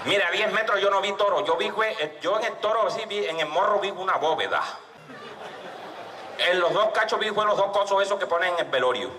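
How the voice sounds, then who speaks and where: A man telling a comic story on stage, animated and full of sound effects and shouts, at a live storytelling event. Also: sits high, fairly quick, slight background noise. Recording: echoey stage mic from far off.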